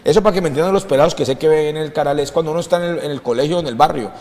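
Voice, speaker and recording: A man's voice: on the high side, racing, a little mellow. Impassioned Colombian man, hall reverb. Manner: impassioned, emphatic, repeats phrases for stress. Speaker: political commentator. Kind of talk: political talk show discussion.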